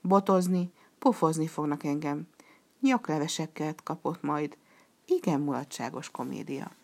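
A sorrowful, soft-hearted male clown , as a woman reader puts him on speaks in a plaintive, low voice. His lines come out mournful and resigned. He is a storybook figure from a puppet theater. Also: gravelly. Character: sad, gentle male clown.

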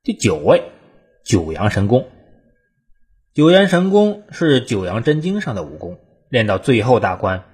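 Male countdown narrator, animated intonation, slightly husky voice, colloquial and wry. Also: medium pitch.

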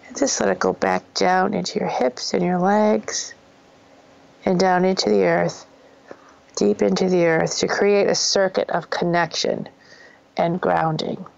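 Soothing, low-voiced woman guiding meditation. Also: steady tone, unhurried, gravelly, darkish tone, dull audio. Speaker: host of a spiritual self-help show. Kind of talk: guided grounding meditation.

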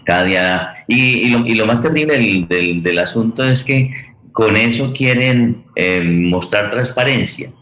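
This Colombian host's voice is very low yet expressive and a bit bright as he guides a casual discussion of politics and culture. He halts and repeats words while searching for them, and strong room echo colors the sound.

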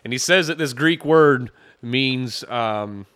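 Hosting a podcast, a man offers critical commentary on a sermon clip he has played, talking conversationally, reading Bible verses aloud, and chuckling wryly. His medium-pitched voice is slow, slightly bright, clear, and resonant, recorded at studio quality with no echo.

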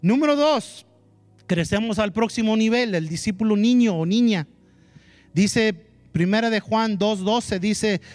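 A male pastor gives an animated sermon, switching into English phrases and acting out what people say. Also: high-pitched, dry recording. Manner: mixes Spanish with English phrases; animated preaching that acts out quotes.

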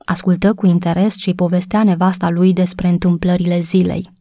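A woman narrating a novel as an audiobook, in a steady storytelling manner. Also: fairly low pitch, no echo, clean studio sound.

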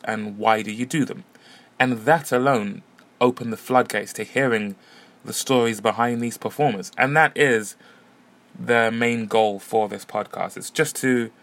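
A man's voice: mid-range voice, gravelly, a bit bright. Easygoing male podcast host. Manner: chatty, easygoing. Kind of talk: casual podcast narration and interviews. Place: music venue and street outside.

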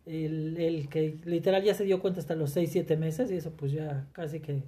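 A woman's voice: sits low, fairly even intonation, warm tone. A middle-aged woman, reflecting candidly in conversation, often restarting her sentences. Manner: reflective, speaks in halting restarts. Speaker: guest sharing her story.

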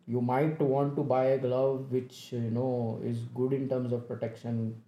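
A man with an Indian accent giving casual, explanatory advice, somewhat halting and reaching for examples. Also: mid-range voice, flat delivery, highs cut off, slight background noise. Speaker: experienced motorcyclist giving gear advice. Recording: roomy, echoing room sound.

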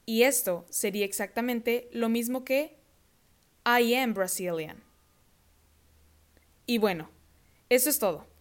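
A woman hosting a scripted podcast lesson, slowly and carefully repeating words for listeners to copy. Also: fairly high pitch. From Mexico. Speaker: English teacher host of a podcast.

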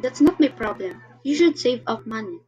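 A woman's voice: fairly high pitch, expressive, normal speed, darkish tone, soft background music, close to an everyday voice. Woman as a stingy, dismissive boss, lo-fi muffled sound, amateur audio drama. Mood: cold. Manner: curt, dismissive. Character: cold, stingy female boss. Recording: dull lo-fi recording.

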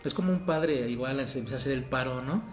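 A man's voice: medium pitch, fast. A young man with a Mexican accent, chatting about witches and ghost stories in slangy speech, often checking agreement. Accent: Mexican Spanish. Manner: slangy, filler-heavy, seeks agreement. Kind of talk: casual chat, telling spooky stories. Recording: echoey room with faint music.

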